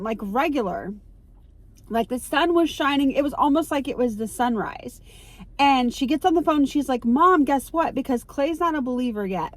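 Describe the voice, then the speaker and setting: Woman, middle-aged, somewhat high voice, chatty, excitable, casual vlog, parked car, phone mic. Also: no echo. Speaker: vlogger. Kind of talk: casual chat.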